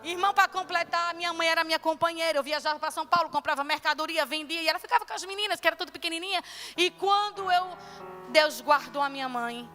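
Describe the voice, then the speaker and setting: A woman's voice: very high voice, quick pace, bright, forceful tone, soft background music. A woman preacher giving a fervent, exclamatory testimony sermon to her church congregation. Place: church service.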